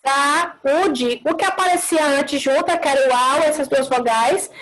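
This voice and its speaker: High-voiced woman teaching an online class. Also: fairly bright tone, slight background noise, rough recording. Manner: slow explaining, repeats words with tag questions.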